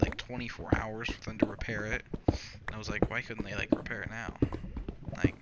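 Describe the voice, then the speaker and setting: Male gaming host, lowish voice, loose rambling gripes over gameplay, loud noise behind. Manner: rambling, complaining, heavy use of "like". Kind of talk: casual gameplay commentary.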